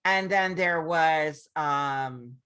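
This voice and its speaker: Speaking in a low, smooth, slightly bright voice with drawn-out words, a realtor gives viewers a casual explainer to camera, captured as a screen-share recording. She's chatty, says things twice, and fills her talk with ums and restarts.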